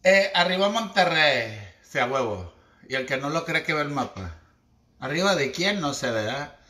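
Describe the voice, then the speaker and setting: Mexican man, esoteric livestream host, slangy theatrical chat, high-ish bright voice, echoey room. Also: lively intonation, normal speed. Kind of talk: casual livestream monologue.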